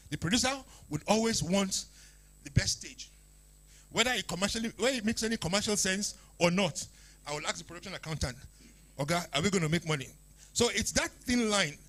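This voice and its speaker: Higher-voiced man giving a talk. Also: fairly bright tone. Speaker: speaker, media business expert. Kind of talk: explanatory talk with questions.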